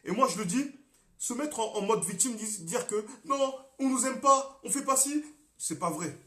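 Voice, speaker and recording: A young Congolese man, a political activist, talking on a live stream with passion, repeating himself and swinging between loud and quiet. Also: very high-pitched, expressive, moderate pace, reverberant. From Congo (DRC). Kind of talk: monologue on a Facebook live stream.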